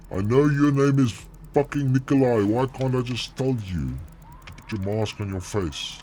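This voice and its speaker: A man's voice: animated, normal speed, mellow, slight background noise. A man streaming a horror game, his voice run through a demonic voice changer, swearing and jumping at scares while talking to his chat. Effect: deep, gravelly demonic voice changer. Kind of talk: live gameplay commentary.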